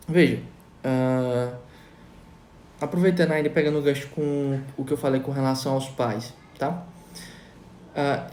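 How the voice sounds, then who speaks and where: A man's voice: a little high, a little mellow. A man explains psychology to an online audience in an emphatic, lecturing way. He keeps asking his listeners questions and checks in with them again and again. His voice rings out in a roomy, echoing space. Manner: emphatic, rhetorical questions, tags sentences with "tá?". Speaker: psychology educator. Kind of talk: live online talk to viewers. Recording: roomy echo.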